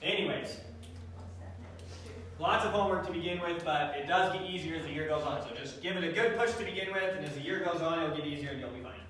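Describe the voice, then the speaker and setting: A man's voice: fairly high pitch, fast, a bit bright, a little hiss or hum. A man teaching a math class, lecturing and quizzing students with a dry, joking manner, recorded from the back of a classroom. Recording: echoey classroom taped from far off.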